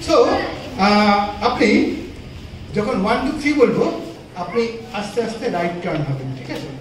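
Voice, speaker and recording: A middle-aged magician man works the room with showy patter, his voice leaping high and low as he counts out his tricks. He is caught from a distance by a far camera, with heavy echo and a clear crowd murmuring behind him. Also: sing-song, unhurried. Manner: showy, mixes English counting and patter into Bengali. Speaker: stage magician. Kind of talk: live magic show patter to an audience.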